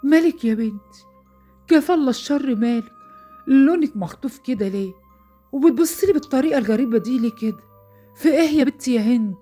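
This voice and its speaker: A woman's voice: medium pitch, animated, quick pace, mellow, husky, faint music behind. A woman voicing a worried, tender mother with an Egyptian Arabic accent, soothing and pleading. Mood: alarmed.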